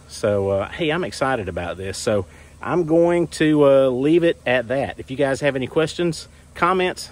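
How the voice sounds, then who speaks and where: A man's voice: mid-range voice, a little hiss or hum. A man in his forties, chatty and folksy, vlogging on his farm while holding his phone at arm's length outdoors. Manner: folksy, chatty, repeats himself. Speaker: homesteading vlogger. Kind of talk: casual vlog narration. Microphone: phone held at arm's length.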